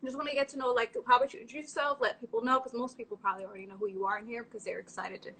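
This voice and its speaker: A woman from the Bronx hosting a casual interview, chatty and quick to laugh as she asks questions. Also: fairly high pitch, steady tone, a bit bright, slight background noise, low-quality recording. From the Bronx, New York. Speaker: interview host. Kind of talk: casual interview over a live stream.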